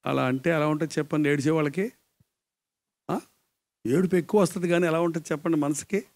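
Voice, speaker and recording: A male pastor with a high-pitched voice preaches a live sermon, rising to loud cries and then dropping to a hushed, gentle voice. He keeps asking the listeners questions, and at times he drifts away from the microphone. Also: steady tone, fast talker. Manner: swings between loud exclamation and hushed tenderness; asks the congregation questions. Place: church hall with congregation.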